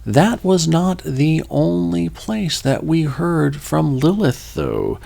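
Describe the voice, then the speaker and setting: Gravelly, animated male podcast host. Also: a little high, takes it slowly. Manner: rambling, joking asides, self-corrections. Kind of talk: casual folklore storytelling.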